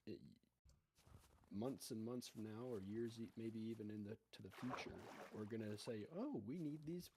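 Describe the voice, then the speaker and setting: Man, lowish voice, rambling gamer chat, lots of "like", voice chat, faint background noise. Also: flat delivery, normal speed. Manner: rambling, full of "like" and "you know". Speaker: co-host of a gaming stream. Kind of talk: casual gaming chat. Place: online voice chat.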